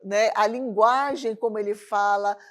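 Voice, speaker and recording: A woman with a medium-pitched, fairly even voice teaches a televised arts lesson at a measured pace, in a studio with a loom as a prop. She keeps checking in with the class through rhetorical questions and tag questions like "certo?".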